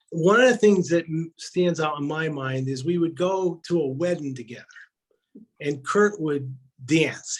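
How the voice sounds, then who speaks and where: A man sharing a fond memory in casual storytelling on a video call, animated and acting out his quotes. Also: on the high side, rough recording. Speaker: community member sharing memories.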